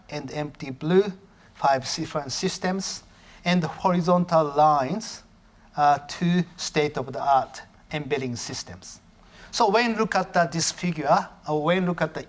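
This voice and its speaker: Here a male professor, Japanese by first language, lectures academically in a voice on the high side, often breaking off to revise what he has just said.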